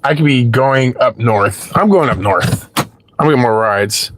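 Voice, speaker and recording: A man's voice: medium pitch, a little slow, a bit bright, no room sound. A man chatting casually with his live-stream viewers while waiting for rides in his parked car, rambling and swearing freely.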